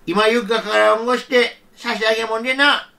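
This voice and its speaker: A man voicing a kind, poor old grandfather from a folktale, speaking gently and humbly with a Kagoshima accent. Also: very high voice, fairly even intonation, a little fast, creaky, distant mic, heavily acted. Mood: humble, kindly.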